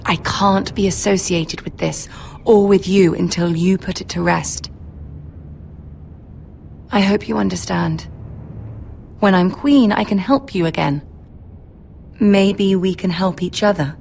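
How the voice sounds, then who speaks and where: An actress playing a poised, commanding young noblewoman in a video game drama, formal and measured. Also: mid-range voice, vocal fry, a little mellow, slight background noise. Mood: measured, guarded. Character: poised, commanding young noble lady, betrothed future queen.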